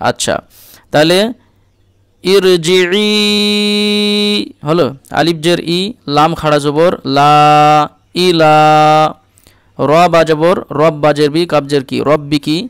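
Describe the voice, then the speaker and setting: A man with a slightly high, smooth and resonant voice leads a patient Quran reading lesson. He spells out each letter and vowel mark, then chants the words in a drawn-out way, checking in often with his learner. The sound is dry and close, with no room around it. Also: flat delivery, no echo. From India. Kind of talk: step-by-step recitation lesson.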